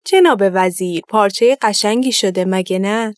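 A woman voicing sly cheat weavers who flatter and persuade, in a children's storybook reading. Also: medium pitch, no room sound, clean studio sound, lightly acted.

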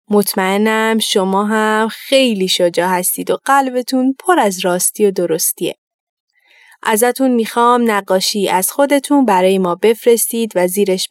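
Woman storyteller for children, gentle and teacherly, mid pitch, dry close sound. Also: no echo. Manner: gentle, instructive.

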